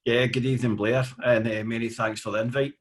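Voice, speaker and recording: A Scottish man in his fifties, a podcast guest talking casually with many fillers and pauses. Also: mid-range voice, little pitch movement. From Scotland. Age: 50s. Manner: hesitant, with frequent fillers. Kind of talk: casual interview.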